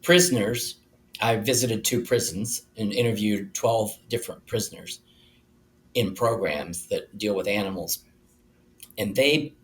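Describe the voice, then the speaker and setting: A man interviewed as a guest author, answering in a measured way with frequent fillers. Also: on the low side.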